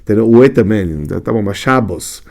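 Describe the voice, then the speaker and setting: Rabbi guy lecturing on hebrew letters, lowish voice, keeps asking "got it?". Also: lively intonation, moderate pace, creaky, darkish tone. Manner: explains step by step, often checks with "entendeu?". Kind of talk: classroom lecture.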